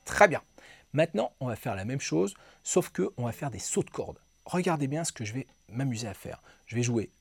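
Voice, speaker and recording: A guitar teacher with a medium-pitched, creaky voice explains exercises and counts beats aloud as he demonstrates them, very animated and a little fast. A close mic is aimed at him, with clean electric guitar playing behind.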